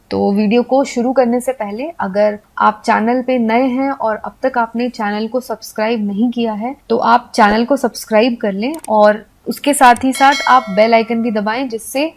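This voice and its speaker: A woman giving a patient video lesson for Hindi speakers, explaining step by step and spelling letters out slowly. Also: fairly high pitch. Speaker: English teacher.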